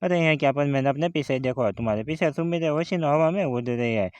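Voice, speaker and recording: A man's voice: on the high side, fast talker, darkish tone, no echo, lo-fi sound, lightly acted. Man voicing a scornful scheming girl. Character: sharp-tongued young girl, mocking and scheming.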